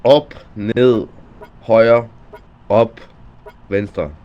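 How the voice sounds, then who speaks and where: A man playing a game with a friend in a laid-back, joking way, quick to apologize. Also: on the low side, steady tone, highs cut off. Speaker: co-player. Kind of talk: casual gaming chat.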